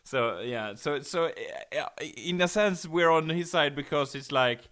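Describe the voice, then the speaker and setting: High, bright-voiced man. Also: animated, unhurried. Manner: laughing often, hesitant with many fillers. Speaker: podcast co-host. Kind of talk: casual podcast banter.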